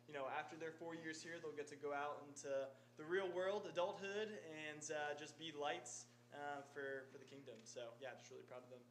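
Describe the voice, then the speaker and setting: College coach, man, sincere and halting, echoey council room, faint hum. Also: mid-range voice, a bit bright. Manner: earnest, faith-focused, halting with fillers. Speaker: cross country coach. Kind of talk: speaking to council. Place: council chambers.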